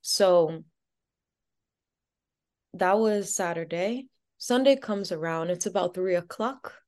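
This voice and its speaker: A woman's voice: fairly low pitch, takes it slowly, a little mellow. A woman as an interview guest, telling a personal story in a casual, chatty way with many "like" fillers.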